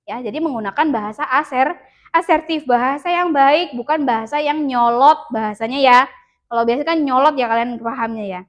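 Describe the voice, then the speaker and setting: A woman school counselor with an Indonesian accent giving a classroom lesson, patiently leading students through slow breathing and acting out what children might say. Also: high voice.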